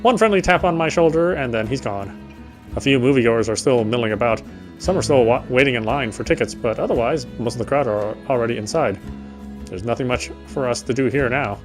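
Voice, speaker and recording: Faint music plays behind a let's player who reads the game's text aloud and adds his own sardonic, informal remarks. His voice is medium-pitched and his pace a little fast.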